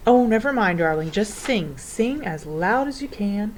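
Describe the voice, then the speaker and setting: A woman's voice: mid-range voice, measured pace, slight background noise, voice pushed up, close to an everyday voice, poor audio. A woman doing a fussy old professor. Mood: rousing. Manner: excitable, exclaims old-fashioned oaths. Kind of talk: storybook reading.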